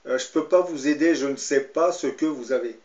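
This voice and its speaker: A man's voice: fairly high pitch, brisk, a little mellow, natural voice. A man reading aloud the lines of a brusque, impatient female emergency operator. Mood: curt. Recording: roomy, slightly dull sound.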